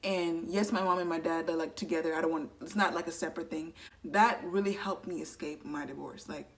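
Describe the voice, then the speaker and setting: A woman's voice: low-pitched, steady tone, fairly quick. A woman in her twenties giving earnest, chatty advice to camera and filling her talk with "you know" asides. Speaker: vlogger.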